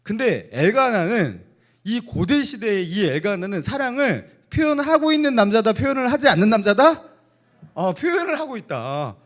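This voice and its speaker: A middle-aged man preaches in a church sanctuary, his voice sitting fairly high and swinging widely in pitch. He keeps asking the congregation playful either-or questions and chuckles between his points, like a pastor in a lively Sunday sermon. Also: normal speed.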